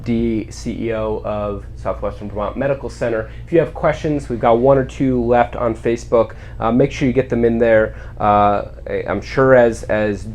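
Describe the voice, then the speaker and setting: A man hosting an informal community interview, asking rambling questions in a halting, conversational way. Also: mid-range voice, fairly even intonation, darkish tone, slight background noise. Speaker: host.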